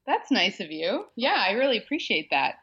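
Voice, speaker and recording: A woman's voice: medium pitch, moderate pace, breathy edge. A woman guest talking easily and thoughtfully about her life, with light laughs. Her voice comes through slightly dull and muffled, like remote call audio. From born in Argentina, raised in UK, Canada, US. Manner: relaxed, thoughtful, easy laughter. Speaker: writer-director guest. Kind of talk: casual interview conversation.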